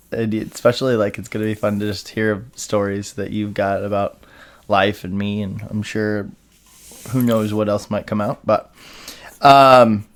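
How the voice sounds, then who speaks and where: A young man hosting a casual podcast chat, relaxed and rambling, with many fillers. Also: lowish voice. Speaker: podcast host.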